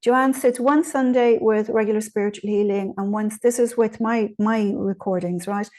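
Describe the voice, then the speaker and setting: Teaching meditation informally, this woman takes questions in a conversational, encouraging way and checks in often. Her mid-range voice is a little mellow, with fairly even intonation and a normal pace.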